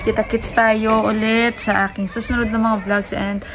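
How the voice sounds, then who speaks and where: A woman's voice: fairly high pitch, flat delivery, normal speed. A woman chatting casually to her vlog viewers, calling them "guys" again and again. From Western Visayas, Philippines. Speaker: vlogger. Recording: noisy background ambience.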